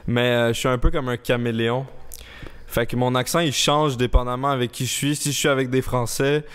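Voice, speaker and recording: A young man in his twenties from the Laurentides speaks with a Quebec French accent that has shifted a little. His voice is smooth and clear. He talks as a podcast guest in a relaxed, low-key way, with hesitant fillers. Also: brisk. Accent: Quebec French, slightly shifted. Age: 20s. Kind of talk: casual chat.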